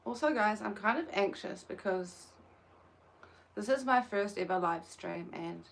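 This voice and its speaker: A young woman with a New Zealand accent, crocheting on a livestream while sitting out in the sun, chats casually but hesitantly. Her mid-range voice has lively intonation, vocal fry and a measured pace, and she speaks softly with frequent "um"s.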